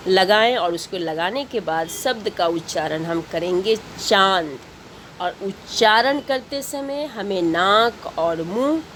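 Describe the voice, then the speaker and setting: Woman teacher doing a grammar lesson for kids, slow and patient, faint traffic noise behind. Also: mid-range voice. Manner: patient, repeats and spells out each step.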